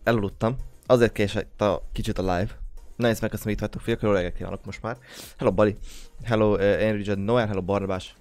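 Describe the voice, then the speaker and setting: A man's voice: lowish voice, fairly even intonation, darkish tone, no echo, faint music behind. A young man hosting a game livestream, just woken up, greeting viewers one by one in casual chat. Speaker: livestream host.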